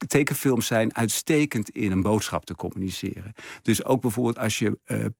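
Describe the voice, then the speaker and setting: A man's voice: lowish voice, normal speed, gravelly, husky, dry recording, clean studio sound. A man guest in a radio interview, explaining with enthusiasm and plenty of fillers. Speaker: exhibition curator, guest. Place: radio studio.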